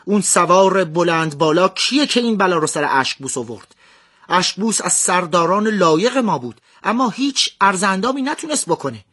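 A shaken enemy commander, dismayed and indignant, as a storyteller puts him on. The voice is bright and forceful, pitched slightly high, as in a told epic. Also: male voice, lively intonation. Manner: dismayed, questioning.

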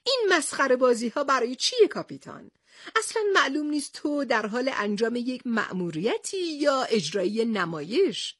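A woman voicing a calm, level-headed young male reporter who leads the group, speaking steadily in a storybook reading. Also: mid-range voice, husky, dry recording, clean studio sound. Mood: firm.

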